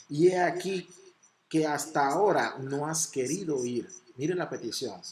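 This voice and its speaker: A man preaching a sermon, reading scripture slowly and building to loud, emphatic exhortation. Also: mid-range voice, a little hiss or hum.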